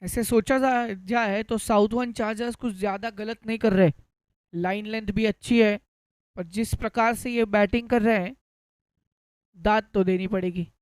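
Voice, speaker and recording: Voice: medium pitch, steady tone, moderate pace, smooth, no room sound. A Hindi cricket commentator calling play ball by ball, mixing in English cricket terms.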